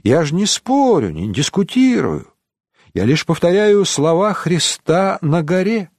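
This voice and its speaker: A man voicing a meek, soft-spoken Franciscan friar in an audiobook. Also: sits high, sing-song, a little slow, dry recording, clean studio sound, pitched above the performer's own voice, exaggerated voice. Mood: pious.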